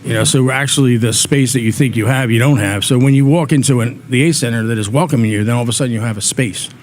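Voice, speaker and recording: Heard over faint background noise, a man with a mid-range voice talks quickly. Appearing as a talk show guest, he discusses community aid with sincerity, often circling back on words while he works through his thoughts.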